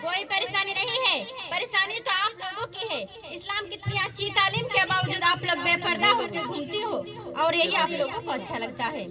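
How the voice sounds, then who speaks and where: A woman's voice: very high voice, moderate pace. A woman playing an earnest veiled preacher girl. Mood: lecturing. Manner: earnest, lecturing. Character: devout young woman preaching about veiling. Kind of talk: amateur religious skit. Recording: loud crowd noise behind.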